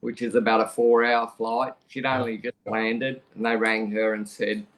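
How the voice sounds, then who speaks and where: Lowish and a bit bright, his voice moves little in pitch and runs at normal speed. He's a middle-aged Australian podcast guest frankly telling a personal story, chatting plainly and frequently beginning sentences anew.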